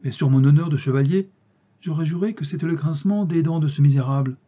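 A man reading aloud who voices a cruel, boisterous tyrant king with loud, mocking commands. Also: a little high, fast, slightly rough, pitched above the performer's own voice. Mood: relieved.

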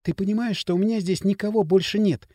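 A man's voice: high-pitched, fairly even intonation, fast talker, mellow, no room sound, clean studio sound, voice pushed up, lightly acted. A man voicing a lonely young woman who speaks in a pleading, tearful way.

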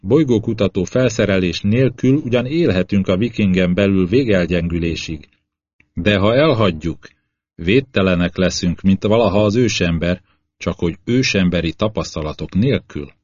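A man's voice: low-pitched, darkish tone, no room sound. A man voicing a sour, sarcastic spaceship commander in an audiobook. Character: skeptical male spaceship commander. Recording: slightly dull lo-fi audio.

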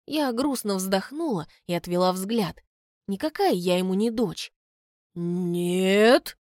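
A woman narrating a first-person fantasy story in a brisk, even storytelling manner. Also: medium pitch, no echo, studio quality. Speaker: audiobook narrator.

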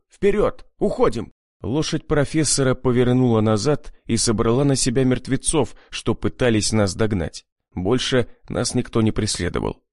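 A man's voice: lowish voice, darkish tone, dry recording, clean studio sound. A man reading an adventure novel aloud in first person, with dramatic, tense storytelling. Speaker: audiobook narrator. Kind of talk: scripted first-person narration.

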